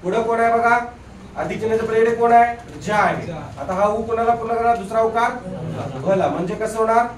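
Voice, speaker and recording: High-pitched man, classroom grammar teacher, questioning style, roomy echo, heard from a distance. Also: brisk, a little hiss or hum. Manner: drills students with repeated questions. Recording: echoey room, voice off-mic.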